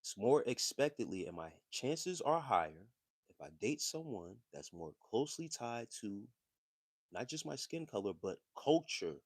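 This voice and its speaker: A man's voice: mid-range voice, very animated, moderate pace, dry recording, clean studio sound. A man hosting a livestream, talking casually and reading chat messages in a loose, slangy, conversational way. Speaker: livestream host.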